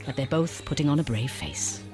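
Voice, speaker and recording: A woman's voice: extremely low pitch, sing-song, a little fast. A woman reading scripted documentary narration in a wry, playful way. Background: background music.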